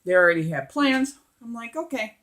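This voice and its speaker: A woman's voice: on the high side, lively intonation, moderate pace, fairly bright tone. A middle-aged woman chatting casually and emphatically while eating, as a mukbang vlogger.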